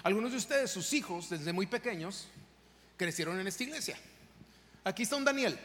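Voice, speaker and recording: High, bright-voiced pastor preaching. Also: male voice, animated, brisk. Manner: impassioned, direct address to the congregation. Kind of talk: sermon. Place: church sanctuary. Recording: long reverb of a large hall, faint background noise.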